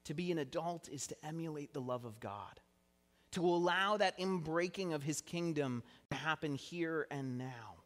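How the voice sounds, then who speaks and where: Young male preacher, earnest and teaching, slightly high voice, long reverb of a sanctuary. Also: moderate pace, a bit bright. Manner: earnest teaching tone with light self-deprecating humor. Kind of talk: sermon. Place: church sanctuary.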